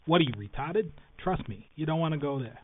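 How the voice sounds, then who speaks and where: A woman's voice: sits low, lively intonation, brisk, pitched below the performer's own voice. A woman putting on a brash Boston man. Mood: sarcastic. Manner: loud, brash, sarcastic. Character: gruff rude male Boston local. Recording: lo-fi phone-like audio, faint noise.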